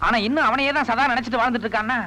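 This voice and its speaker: A curious stranger in a village who asks puzzled questions. His voice is high and bright, and he talks quickly. Faint noise sits under the film soundtrack. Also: fairly even intonation. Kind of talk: film drama acting.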